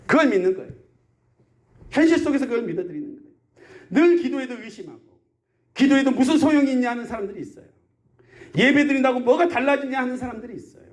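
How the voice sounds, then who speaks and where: A man's voice: very high voice, expressive, fast talker, pauses often, a little mellow. A man preaching a sermon as pastor of a rural church, often asking the congregation questions. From South Korea.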